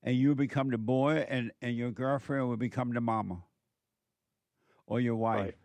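A man's voice: mid-range voice, fairly even intonation, moderate pace, a little mellow, no room sound. Male host, blunt, direct, colloquial, dry close sound. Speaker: advice show host. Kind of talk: casual advice talk.

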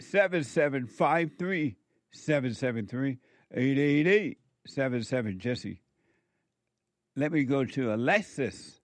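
A man's voice: medium pitch, dry recording. A man hosting a call-in show, exhorting listeners in a preachy way before taking callers. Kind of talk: call-in radio talk.

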